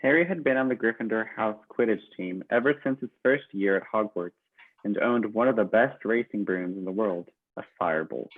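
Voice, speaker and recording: A man narrating a storybook in a steady, even read-aloud. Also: lowish voice, dry recording, narrow, tinny audio.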